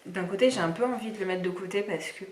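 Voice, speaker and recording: Speaking fast in a medium-pitched, darkish voice, a young book vlogger shows her books and rambles casually, filling her speech with fillers. Slight background noise, an echoey room and some distance from the mic mark the recording.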